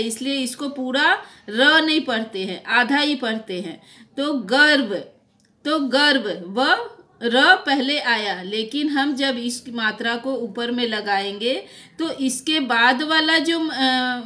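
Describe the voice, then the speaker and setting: A woman teaching Hindi to young children, speaking slowly and patiently, repeating words and asking the class questions. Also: a little high, pushed and bright.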